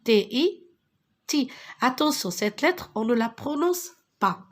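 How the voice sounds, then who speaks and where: A woman's voice: high-pitched, lively intonation. A woman teaching young children to read, sounding out letters and syllables one by one and repeating words. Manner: slow, syllable-by-syllable spelling and repetition. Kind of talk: reading lesson for young children.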